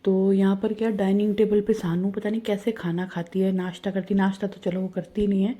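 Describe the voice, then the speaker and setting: A woman in her thirties narrating her daily home chores in a soft, hushed voice-over, chatty and confiding. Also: medium pitch, little pitch movement, a little fast. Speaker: home vlogger. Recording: roomy home voice-over with faint ambience.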